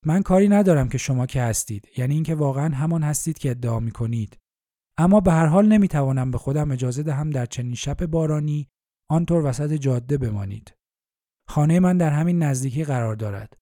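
A kind old man who keeps a gas station, puzzled but warmly welcoming, in a dark, mellow voice. A man gives him voice in a storybook. The sound is dry and close. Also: on the high side, expressive, no room sound, lightly acted. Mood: calm. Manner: bewildered, hospitable.

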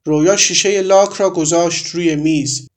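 A man reading a short story aloud as narrator, in a measured, even way. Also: a little high.

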